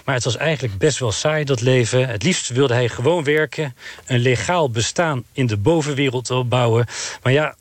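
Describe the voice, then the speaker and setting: A male court reporter giving a live radio news report, retelling testimony in a measured way with frequent pauses and hesitations. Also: mid-range voice, no echo.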